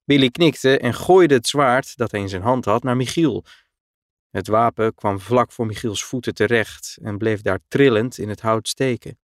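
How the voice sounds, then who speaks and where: A man reading a children's story aloud with clear, expressive storytelling. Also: medium pitch, normal speed, no room sound, clean studio sound. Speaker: narrator.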